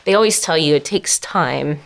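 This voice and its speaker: A young adult woman speaking as an interview guest, soft-spoken and reflective, with many fillers and nervous little laughs. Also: deep voice, moderate pace, creaky. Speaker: anonymous guest. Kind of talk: candid personal interview.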